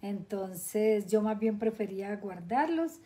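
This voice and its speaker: Mellow-voiced mother reminiscing. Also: mid-range voice, expressive, takes it slowly. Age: middle-aged. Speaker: guest, host's mother. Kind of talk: casual conversation.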